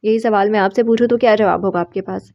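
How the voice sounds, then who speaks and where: A woman's voice: medium pitch, fairly even intonation, no echo, highs cut off, close to an everyday voice. A woman voicing a tearful young wife, accusing and wounded. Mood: hurt.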